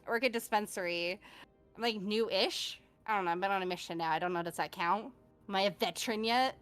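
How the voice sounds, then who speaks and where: A woman's voice: medium pitch, fairly quick, a bit bright, clear, resonant tone, faint music behind, voice pushed down, natural voice. A woman voicing a chatty, cheeky young newcomer in a tabletop game, with casual, rambling, slangy talk.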